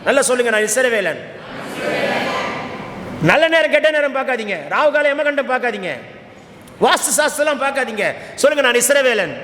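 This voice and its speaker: A man's voice: very high-pitched, brisk, long pauses, noisy background. A male preacher with a Tamil Nadu accent, exhorting a congregation and calling on them to repeat after him. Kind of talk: Tamil Pentecostal sermon. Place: large church hall. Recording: echoey hall with long reverb.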